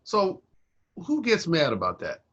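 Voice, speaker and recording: A man with a lively, rising-and-falling voice leads the group with calm, encouraging questions. The sound is a little dull and lo-fi, as over a video call. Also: a little high, measured pace. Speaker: workshop facilitator on race. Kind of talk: video-call play acting.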